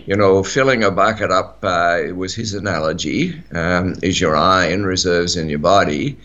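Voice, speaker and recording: A man's voice: deep voice, normal speed, fairly bright tone, muffled recording. A middle-aged man with an Australian accent, chatting on talk radio, rambling with many fillers and restarts. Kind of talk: casual talk radio chat.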